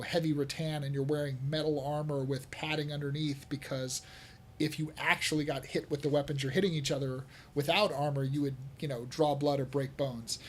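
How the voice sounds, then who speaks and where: A man of middle pitch talking loosely on a gaming show, stringing thoughts together with lots of fillers. His tone is easygoing and he laughs freely. A faint noise hums behind him. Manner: rambling, many fillers, laughs often. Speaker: podcast host. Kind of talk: casual chat.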